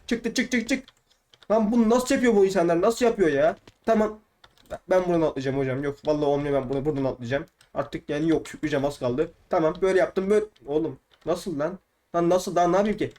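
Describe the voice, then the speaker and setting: A man giving live gameplay commentary, ranting in frustration at the game and repeating words in quick bursts. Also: sits high, darkish tone. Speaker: gaming YouTuber.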